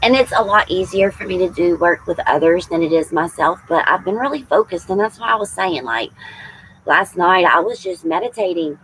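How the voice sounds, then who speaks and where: A woman's voice: fairly low pitch, lively intonation, normal speed, fairly bright tone, a little hiss or hum, poor audio. Chatty woman in her forties. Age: 40s. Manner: chatty and affectionate, addresses viewers as y'all. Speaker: tarot reader and livestream host. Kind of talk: casual livestream chat.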